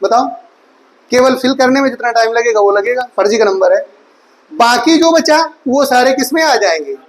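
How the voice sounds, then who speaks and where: A woman's voice: a little high, animated, normal speed, poor audio. A woman teaching an online Hindi exam-prep class, drilling vowel sounds aloud and quizzing her students with rhetorical questions, calling them 'beta'. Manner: addresses students affectionately as 'beta'. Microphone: recorded for mobile viewers.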